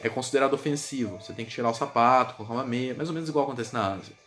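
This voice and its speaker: Brief: man, casual language vlogger, mid pitch, chatty, faint background music. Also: rapid-fire. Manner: chatty, repeats example words aloud, many fillers like "né?". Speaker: language teacher and video creator. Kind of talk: casual explanatory vlog. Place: home room with a gaming setup. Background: music playing softly in the background.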